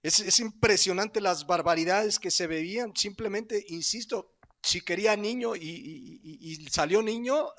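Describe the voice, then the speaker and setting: A pastor with a Mexican Spanish accent preaching a sermon. His voice sits high for a man, and he teaches in a conversational way, turning often to the listeners with rhetorical questions. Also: measured pace, a bit bright.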